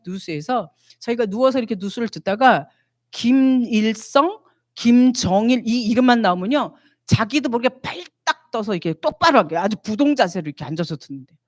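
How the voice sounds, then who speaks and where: A woman's voice: fairly high pitch, big pitch swings, a little fast, no room sound, clean studio sound. A woman missionary giving a church retreat lecture, teaching animatedly and asking the audience questions that she answers herself.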